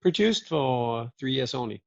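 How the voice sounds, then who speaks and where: A man's voice: medium pitch, animated, unhurried, gravelly, darkish tone, no room sound. A man chatting casually as a guest on a video call, joking and laughing often with rambling asides. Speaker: guest watch collector. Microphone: video call mic. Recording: dull lo-fi call audio.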